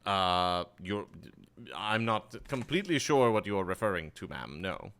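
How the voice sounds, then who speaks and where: A man's voice: deep voice, big pitch swings, measured pace, fairly bright tone, heavily acted. A man voicing a skeptical male city official who treats doomsayers with dry, teasing doubt. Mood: unsure.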